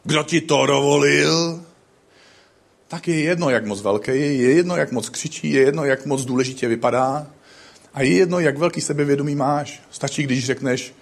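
A man preaching a sermon, telling stories with acted-out quotes. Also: medium pitch. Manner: animated storytelling with acted quotes.

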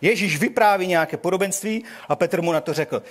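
An older man preaching a sermon in a hall, telling the story in an animated way and acting out the quotes. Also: high-pitched.

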